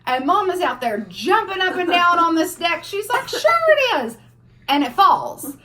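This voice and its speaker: A young woman, casually telling family stories on a vlog, animated as the stories build. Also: very high voice, moderate pace. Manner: animated storyteller, laughing through funny parts. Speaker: family vlogger. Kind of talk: casual storytelling.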